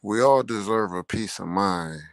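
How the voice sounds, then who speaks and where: Very deep, gravelly, unhurried man. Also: dry recording, studio quality. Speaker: podcast guest. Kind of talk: casual conversation.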